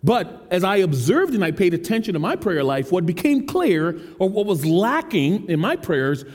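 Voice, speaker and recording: A man in his thirties with a bright, high-set voice delivers a relaxed, conversational sermon. He slips in self-deprecating jokes as he goes. A long hall reverb trails every phrase. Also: moderate pace. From United States. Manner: casual, self-deprecating and joking. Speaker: teaching pastor. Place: large church sanctuary.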